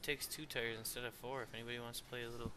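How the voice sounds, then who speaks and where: A tired man giving play-by-play commentary on a sim race, steady in his calls and rising when the racing gets close. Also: medium pitch, rapid-fire, noisy background. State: tired, yawning.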